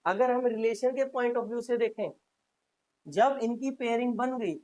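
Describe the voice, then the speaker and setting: A man teaches maths in a steady classroom-lecture manner. He drills each point by repeating it, poses questions to the class and then supplies the answers himself. Short prompts to the listeners punctuate his explanation. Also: extremely high pitch, a little slow. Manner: repetitive, drilling, frequent "haan ji" prompts.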